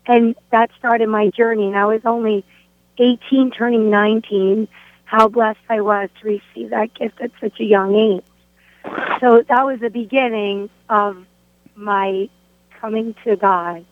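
A woman sharing her personal faith testimony, animated as she acts out what people said to her. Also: mid-range voice, a little slow, no echo. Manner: animated storytelling, acts out quoted speech. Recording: tinny phone line, dry.

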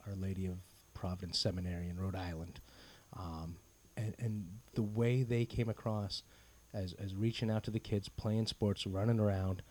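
Casting: man with a somewhat deep voice, organisation representative chatting as a radio guest. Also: mellow. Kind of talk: conversational interview.

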